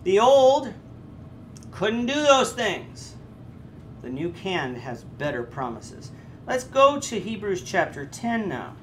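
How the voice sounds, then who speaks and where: A man in his thirties teaches a Bible class in an earnest, explanatory way, shot chest-up indoors in front of a red curtain. His pitch rises and swings widely, he frequently pauses and restarts, and he takes his time, with a faint hum in the background.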